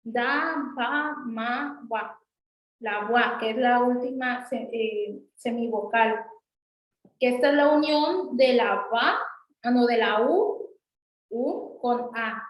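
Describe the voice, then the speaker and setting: A woman's voice: on the high side, takes it slowly, roomy sound, muffled recording. A woman teaching an introductory language class, patiently repeating example words. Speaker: Sanskrit teacher. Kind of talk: online class explanation.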